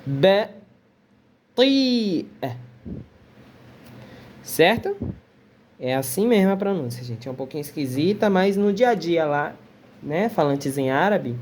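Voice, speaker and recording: A woman's voice: mid-range voice, a little mellow, a little hiss or hum. A Portuguese-speaking woman teaching an online Arabic lesson, patiently repeating words and checking in with her students. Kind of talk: relaxed online language lesson.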